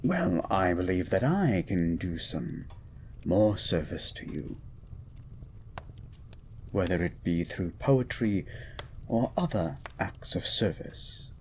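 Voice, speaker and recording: A man playing a gentle, erudite beast of a scientist in a romantic audio roleplay, speaking in eloquent, formal, flirtatious phrases and lingering over his words. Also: low-pitched, very animated, slow pace, pauses often, a little hiss or hum, exaggerated voice. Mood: devoted.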